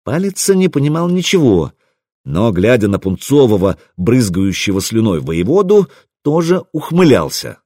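A man narrating an audiobook in the first person, wry and expressive. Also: mid-range voice, normal speed, dry recording, clean studio sound.

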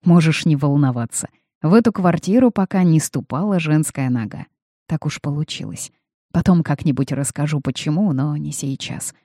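A reader voicing a tender, teasing young male prince who speaks soft, low and intimate, in an audiobook. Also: normal speed, no echo, studio quality, lightly acted.

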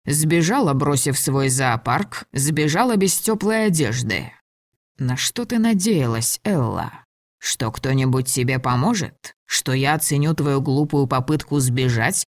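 A woman's voice: deep voice, no room sound, studio quality. A woman voicing a cold, stern male dragon lord who gives icy, clipped commands.

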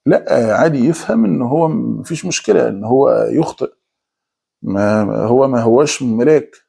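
A middle-aged man with an Egyptian accent giving a conversational religious talk, slipping into quick mock voices of people making excuses. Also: medium pitch, lively intonation, creaky, dark tone, husky. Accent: Egyptian Arabic. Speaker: preacher.

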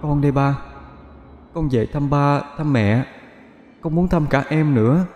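A man's voice: a little high, a little slow, darkish tone, roomy sound, big-room sound, pitched above the performer's own voice, close to an everyday voice. Man voicing a wistful ghost son. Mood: longing. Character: dead young son's ghost, wistful, homesick.

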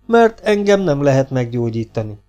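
A man's voice: mid-range voice, big pitch swings, dark tone, soft background music, voice pushed up, lightly acted. A man voicing a stubborn young legionnaire who answers with wry, polite defiance.

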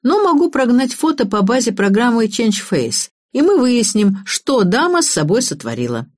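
A woman's voice: fairly high pitch, big pitch swings, normal speed, a little mellow, no echo, studio quality, voice pushed up. A woman reading the part of a confident young male tech expert in an audiobook, speaking firmly and decisively.

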